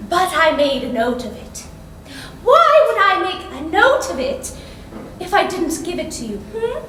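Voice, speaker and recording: Woman cast as a condescending, miserly employer on stage; very high, unhurried delivery; distant, roomy recording. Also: fairly bright tone, slight background noise, heavily acted. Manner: condescending, sweetly mocking, laughs often. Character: stingy, mocking female employer of a governess. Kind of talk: stage play performance. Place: school stage before an audience. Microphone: distant room mic. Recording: echoey hall from far off.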